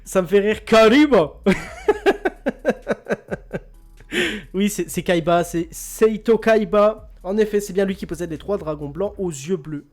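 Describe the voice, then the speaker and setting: A male quiz host on an online radio show chats with listeners in a loose, joking way, laughing often and repeating words. His voice is high-pitched and his pace moderate with hardly any pauses. Soft music plays in the background.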